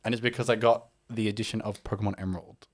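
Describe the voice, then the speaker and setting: A man's voice: fairly low pitch, fairly even intonation, fast, over loud music. A man, co-hosting a gaming podcast in a playful, self-mocking way. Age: 20s. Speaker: podcast co-host. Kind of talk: casual chat.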